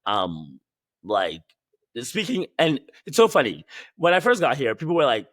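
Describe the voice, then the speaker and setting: A young man from Ghana, an actor, talking in a relaxed, casual way and laughing often. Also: medium pitch, a little slow, dry recording, clean studio sound. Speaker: actor, guest. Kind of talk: casual interview chat.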